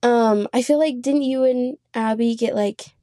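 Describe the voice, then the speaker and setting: A young woman chatting on a podcast in a slightly high, mellow voice. She talks fast and loose, laughing and filling with "like" as she tells a story. The sound is close and dry. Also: no room sound. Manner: chatty, laughs often, says "like" a lot. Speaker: podcast co-host. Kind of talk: casual chat.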